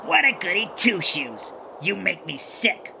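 A man's voice: high-pitched, sing-song, unhurried, creaky, sharp tone, slight background noise, exaggerated voice. A man voicing a bossy, sneering, conceited poacher boss, the villain of a children's audio adventure, full of scornful insults. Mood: smug, dismissive.

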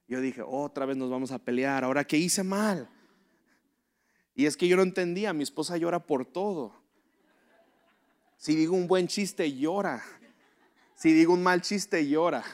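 A man preaching a sermon in a relaxed, conversational way, mixing personal testimony with jokes and often asking his listeners for agreement. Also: a little high. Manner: conversational, humorous, asks "¿verdad?" often.

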